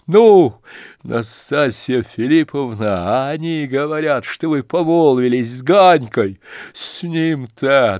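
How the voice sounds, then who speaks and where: A man's voice: low-pitched, vocal fry, dry recording, studio quality, exaggerated voice. Man voicing a frantic, wild young merchant. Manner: shouting, excited, drawn-out pleading. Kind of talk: audiobook character reading.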